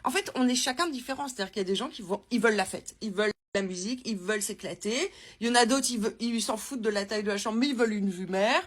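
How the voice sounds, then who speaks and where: Woman vlogger, husky tone, rambling casual talk in a hotel room, phone-recorded. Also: on the high side, quick pace. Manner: chatty, rambling, many fillers and restarts. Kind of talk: casual travel vlog chat.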